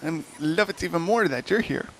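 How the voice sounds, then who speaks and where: A man doing a squeaky, eager hobbit boy. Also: animated, brisk, a bit bright, poor audio. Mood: delighted. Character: young male hobbit serving boy, eager and cheerful.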